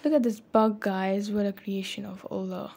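A young woman narrates a cheerful vlog, switching between English and Hindi-Urdu phrases while music plays underneath. She's outdoors in village fields and also in a restaurant. Her gravelly voice is medium in pitch, steady, and at a normal speed.

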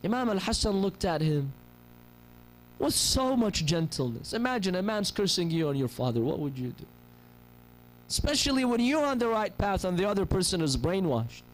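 A man's voice: high voice, sing-song, normal speed, rough recording. A man in his thirties preaching a sermon from a pulpit chair into a gooseneck mic, telling stories with passion and acting out the people in them. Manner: impassioned storytelling, voices the people in his stories. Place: mosque hall, seated on a pulpit chair. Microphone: gooseneck microphone on a stand.

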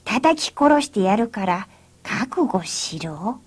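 A woman voicing a stubborn old village grandfather who speaks gruffly in an old man's dialect. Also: medium pitch, very animated, slow pace, exaggerated voice. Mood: menacing.

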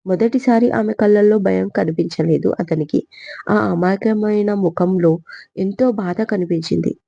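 A woman narrating a scripted story in a steady reading manner. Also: mid-range voice, moderate pace, creaky, no echo, dull audio.

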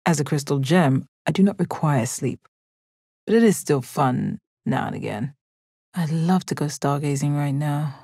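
This is a calm alien warrior woman voiced for a fighting video game, her fairly low, husky delivery measured, formal and deadpan. Beneath the stoicism she comes across as confident, kind, warm and composed, in heavily acted voice lines. The recording is very dry, with no room sound or echo.

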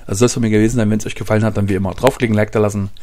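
A man's voice: fairly low pitch, fairly even intonation, very fast, a little mellow, slight background noise. A middle-aged man hosting his own gaming channel, chatting casually at his desk and thinking aloud with lots of fillers. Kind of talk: casual game commentary. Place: home room at a desk.

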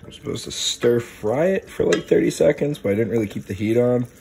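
A man's voice: medium pitch, expressive, fairly quick, gravelly, a little mellow, a little hiss or hum. A young adult man chatting in a laid-back, rambling, sweary way, full of slang, as in a home food vlog. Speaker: food challenge vlogger. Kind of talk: casual, rambling vlog chat. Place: at home, kitchen and small room. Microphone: handheld phone, later camera on desk.

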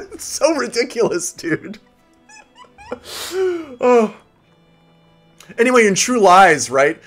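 A man's voice: high-pitched, big pitch swings, slow pace, long pauses, fairly bright tone, faint music behind. A man streaming a game, chatting casually with viewers, laid-back, swearing and laughing often. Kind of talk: casual live-stream chat.

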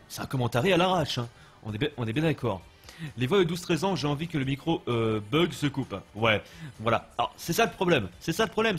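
A man's voice: mid-range voice, husky. A young man with a French accent giving loose, chatty live commentary while playing a game and answering his chat. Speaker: gaming livestreamer.

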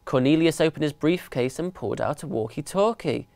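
A man reading a children's picture book aloud with an expressive, animated delivery. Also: a little high, a little fast, no room sound. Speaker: storyteller.

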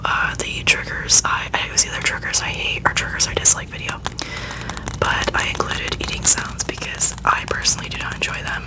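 Woman in her twenties, American accent, whispered ASMR, casual chat, close microphone. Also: rough recording. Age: 20s. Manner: whispering throughout. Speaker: ASMR video creator. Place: bedroom, indoors. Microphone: close microphone resting on the bed.

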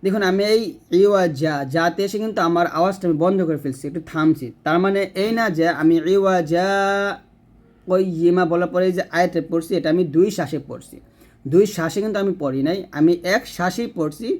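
High-voiced man teaching Quran reading. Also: a little fast, darkish tone. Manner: explains patiently, repeats words, draws out recited syllables. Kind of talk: casual spoken lesson with slow recitation examples.

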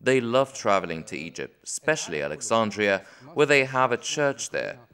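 A man voicing a translated interview in English, speaking in a calm, even delivery. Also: mid-range voice, moderate pace. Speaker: voice-over interpreter.

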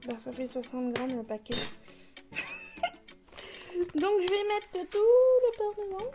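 A woman's voice: extremely high pitch, sing-song, takes it slowly, music in the background. A woman in her thirties casually talking through a home cooking tutorial in her kitchen, chatty and full of fillers. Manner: chatty, many fillers, laughs at herself. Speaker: home cook vlogger.

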